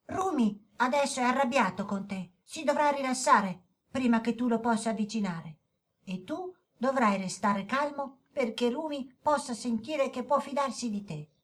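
A woman voicing a gentle, patient boy who reassures and teaches in a children's audio story. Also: fairly high pitch, normal speed, close to an everyday voice. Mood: reassuring. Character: caring young brother, calm and patient.

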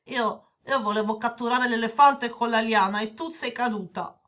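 A woman's voice: fairly high pitch, moderate pace, a bit bright, lightly acted. Woman voicing a shy, remorseful little boy. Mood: apologetic. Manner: hesitant, apologetic, stammering. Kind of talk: children's audio story acting.

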